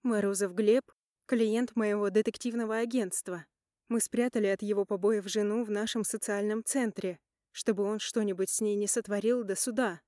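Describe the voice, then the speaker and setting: A woman's voice: medium pitch, fairly even intonation, moderate pace, warm tone, no room sound, studio quality, natural voice. A woman doing a frightened, trembling young woman. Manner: trembling, stammering.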